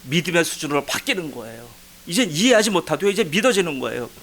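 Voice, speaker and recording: A man's voice: fairly high pitch, very animated, fast, rough recording. Korean man pastor, impassioned sermon. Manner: emotional testimony, swings from quiet to loud pleading. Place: church sanctuary.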